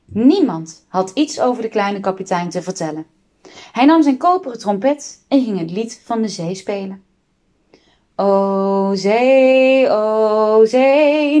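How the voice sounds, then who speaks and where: A woman reading a children's book aloud, expressive and giving the characters their own voices. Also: medium pitch. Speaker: reader.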